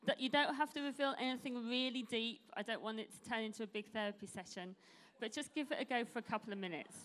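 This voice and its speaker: A woman's voice: fairly high pitch, fast talker, fairly bright tone. A middle-aged woman preacher giving an informal, chatty, self-deprecating sermon to a congregation, pronouncing her R's as W's. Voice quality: cannot say her R's, says w for r. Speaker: church preacher.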